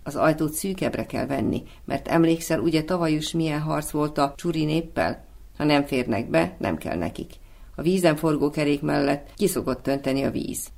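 A man's voice: on the high side, gravelly, a little mellow. A man reading as a tender female swallow.

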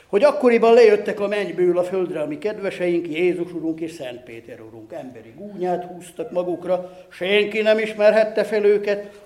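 A man telling an old folk tale in a lively, folksy way with rustic, old-fashioned words. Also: sits high, roomy sound, a little hiss or hum. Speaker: storyteller.

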